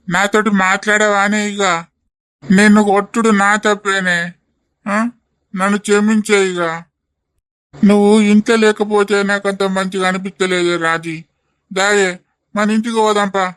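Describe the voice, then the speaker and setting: A man voicing a remorseful older village husband with a Telangana Telugu accent, coaxing and pleading in an animated comedy. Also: sits high, clean tone, no room sound.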